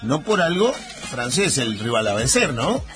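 Argentine man, radio sports host, bright raised voice, halting chatty delivery over a faint music bed. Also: medium pitch, very animated. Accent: Argentine Spanish. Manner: conversational, halting with fillers.

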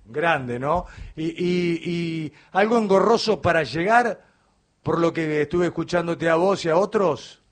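A man with an Argentine Spanish accent hosts a live radio sports show from the studio. His voice sits high, and he announces names and throws to the reporter with energy. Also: measured pace.

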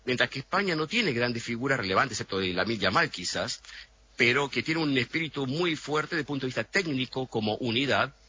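A middle-aged man answering interview questions over a remote radio line, thoughtful and explanatory, often pausing to find his words. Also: mid-range voice, animated, sharp tone, highs cut off, a little hiss or hum. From Argentina. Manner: thoughtful, explanatory, frequent hesitations. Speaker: interview guest.

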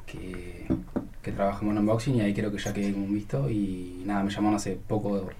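A young man with an Argentine accent, a football player giving hesitant, soft-spoken answers in a radio interview. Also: lowish voice, fairly even intonation, a little fast, noisy background. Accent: Argentine Spanish.

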